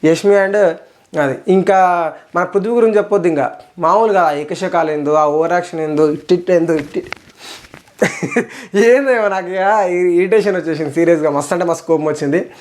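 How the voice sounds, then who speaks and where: Fired-up fast-talking Telangana Telugu man. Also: high-pitched, a little mellow. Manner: fired-up and indignant, repeats phrases for emphasis. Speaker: reality show reviewer. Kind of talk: casual rant-style episode review.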